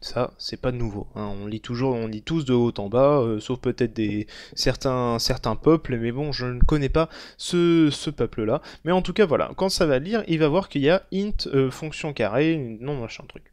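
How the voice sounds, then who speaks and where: Halting young man explaining code. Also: medium pitch, a little mellow, no room sound, studio quality. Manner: halting, many fillers and self-corrections. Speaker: programming tutor. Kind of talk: screen-recorded coding tutorial.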